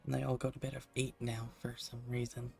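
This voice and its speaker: Streamer, sex ambiguous: low-key, hushed, mellow and creaky, casual chat delivered quietly so housemates aren't disturbed. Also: completely flat delivery, a little fast, faint music behind. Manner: speaks low and hushed so as not to disturb roommates. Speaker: game streamer. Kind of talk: casual livestream chat over a game, kept hushed.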